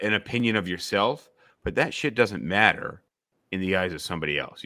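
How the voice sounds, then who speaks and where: A young man from the suburbs of Albany in upstate New York hosts a casual podcast discussion. His voice is on the low side and a bit bright, and he rambles with many restarts and filler phrases.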